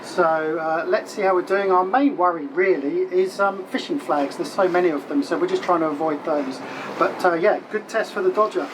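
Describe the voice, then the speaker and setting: A man's voice: sits high, moderate pace. A man giving a casual, explanatory sailing vlog in an understated way. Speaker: sailing vlogger. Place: aboard a sailing boat at sea. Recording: noisy boat with engine and water.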